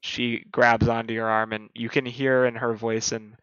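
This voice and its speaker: Bright-voiced man running a tabletop game. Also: medium pitch, little pitch movement, normal speed, clear, resonant tone. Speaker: game master. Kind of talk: narrating a tabletop role-playing game. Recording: roomy, slightly dull voice recording.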